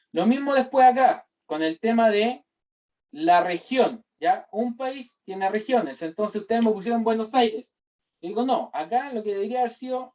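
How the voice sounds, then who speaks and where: A man's voice: high-pitched, mellow. A Chilean-accented man explaining a data-modeling class step by step, checking in with listeners after nearly every sentence. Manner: explanatory, with constant "¿ya?" and "¿cierto?" checks. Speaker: university lecturer. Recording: distant, dull lo-fi class recording.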